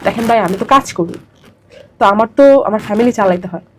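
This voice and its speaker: There's a faint hiss or hum under this young woman's medium-pitched voice. She has a Bangladeshi accent and is an interview guest relating her personal story at a fast clip, stressing and repeating things as it all comes pouring out.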